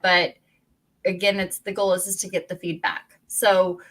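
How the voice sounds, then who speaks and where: A woman's voice: lowish voice, little pitch movement, moderate pace, fairly bright tone, poor audio. A woman co-hosting a real estate podcast, talking casually in a rambling way with frequent restarts and laughter, with a Pacific Northwest American accent. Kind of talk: casual chat.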